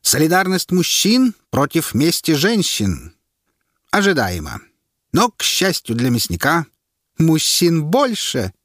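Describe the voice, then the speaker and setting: A man voicing a commanding male herald who runs a public trial, proclaiming loudly and theatrically in an audiobook. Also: fairly high pitch, wildly swooping pitch, no echo, studio quality, voice pushed up, full character voice. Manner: loud, theatrical, drawn-out proclamations.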